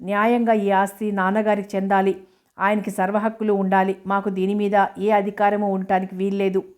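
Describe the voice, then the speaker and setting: A woman voicing an angry young man who speaks forcefully and indignantly in defense of his father. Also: medium pitch, little pitch movement, a little fast, natural voice.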